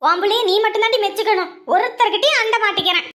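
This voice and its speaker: A woman acts out a scolding village mother-in-law, her voice shrill and very high. She fires off taunts in quick, bright, piercing bursts. The skit plays this sharp-tongued elder for comedy. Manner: nagging, taunting, rapid scolding.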